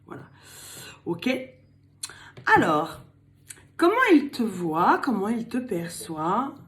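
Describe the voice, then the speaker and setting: A woman's voice: medium pitch, very animated, slow pace. Chatty older woman giving a tarot reading. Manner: chatty, playful, laughs often, slips into a put-on accent. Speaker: tarot card reader. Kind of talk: casual tarot reading to camera.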